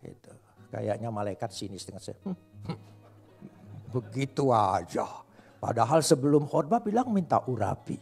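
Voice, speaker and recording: A man preaching a sermon to a congregation, animated, swinging between loud and soft and joking with the listeners. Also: mid-range voice, normal speed, creaky, pauses often, faint music behind. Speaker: pastor.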